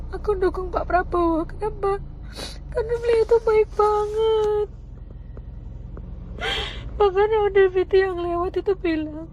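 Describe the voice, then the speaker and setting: A woman's voice: very high voice, darkish tone, muffled recording, slight background noise. A tearful young woman in a casual vlog, speaking emotionally.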